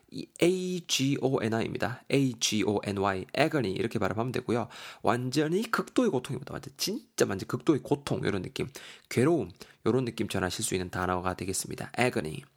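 Male lesson host, Gyeongsang accent, lower voice with a lively, swinging delivery. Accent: Gyeongsang Korean. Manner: animated, explanatory. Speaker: English teacher host. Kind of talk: podcast vocabulary lesson.

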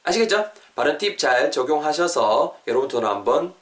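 A young adult man, hosting a podcast English lesson and drilling phrases over and over in a lively way. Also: a little high, a little fast. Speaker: English teacher and podcast host. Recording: roomy room, distant from mic.

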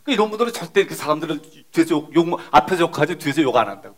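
An older man, a guest consultant, talking bluntly and animatedly in a casual talk show chat. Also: fairly high pitch. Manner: rapid, blunt and animated, chuckling. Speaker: guest, business consultant and writer.

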